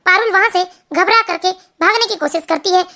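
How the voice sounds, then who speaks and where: A woman narrating a family cartoon story in a steady, plain storytelling way. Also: very high-pitched, a little fast.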